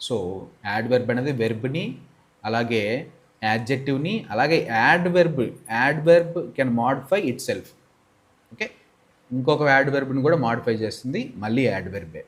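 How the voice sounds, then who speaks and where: Telugu-accented man teaching grammar. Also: medium pitch. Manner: explains step by step, often asks and answers his own questions; reads example sentences slowly and deliberately. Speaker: English teacher. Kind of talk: grammar lesson.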